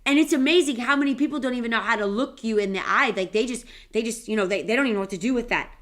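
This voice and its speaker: A woman's voice: fairly high pitch, very fast. A woman who is a pastor, chatting emphatically in a casual devotional talk. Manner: animated, emphatic, affirming interjections.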